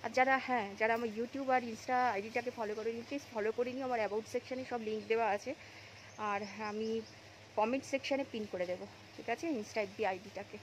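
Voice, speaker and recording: A woman's voice: fairly high pitch, fairly even intonation, fast talker. A woman vlogger with a Bengali accent, chatting casually to her viewers as she films around her home and a temple. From India. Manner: chatty, addresses viewers as friends; speaks softly inside the temple. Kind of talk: casual vlog narration. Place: temple and home, partly outdoors. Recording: noisy phone audio with ambient sound.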